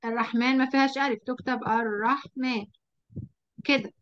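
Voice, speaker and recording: At a whiteboard, a woman with an Egyptian Arabic accent quizzes her pupil and slowly draws out example words. Her voice sits high, and the sound is lo-fi.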